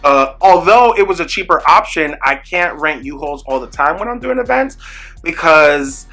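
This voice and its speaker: A young man telling an animated, chatty storytime about his small business, talking straight to his viewers. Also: fairly high pitch, moderate pace, soft background music. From New York. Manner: animated, chatty, emphatic retelling with asides to viewers. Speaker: small business owner vlogging. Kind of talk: casual storytime vlog. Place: home room with product shelves.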